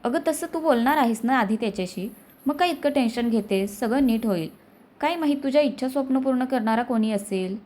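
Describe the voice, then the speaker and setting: A woman's voice: fairly high pitch, lively intonation, brisk, darkish tone, lightly acted. Brief: woman storyteller voicing a cheerful teasing girlfriend, storybook reading. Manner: teasing, playful. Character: young woman, teasing cheerful best friend.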